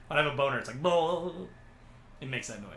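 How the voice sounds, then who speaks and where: Excitable male streamer, bright lively voice, echoey room with light noise. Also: medium pitch, racing. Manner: excitable, swears and yells at the game. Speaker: streamer host. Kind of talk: casual livestream chat while gaming.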